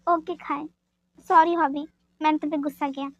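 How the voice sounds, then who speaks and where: A woman voicing an anxious, caring young woman who is quick to anger, with a pleading, emotional manner, in a fan dub drama. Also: high voice, steady tone, fairly bright tone, dry recording, dull audio. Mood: fond.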